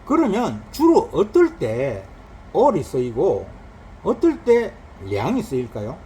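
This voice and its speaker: A man's voice: on the high side, a little hiss or hum, low-quality recording. A man teaching a recorded Chinese grammar lesson, explaining patiently and drawing out spoken examples. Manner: lively explaining, drawn-out examples.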